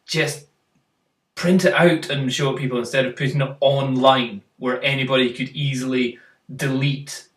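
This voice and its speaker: Here a man runs a laid-back photo critique, walking through the images, quizzing his co-host and chatting with fillers. His voice is medium in pitch, steady and a bit bright, delivered at normal speed. The mic sits at a distance in a roomy-sounding space.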